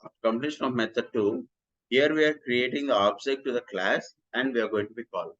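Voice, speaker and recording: In this lo-fi clip, a man teaching programming talks fairly quickly in a medium-pitched voice. His recorded lecture goes step by step, and he repeats himself often, steadily restating points.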